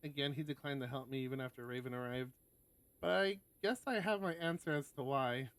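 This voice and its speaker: Brisk and a bit bright in a mid-range voice, the host of a visual novel stream switches between reading passages aloud and casual chat that occasionally turns profane. There is no room sound.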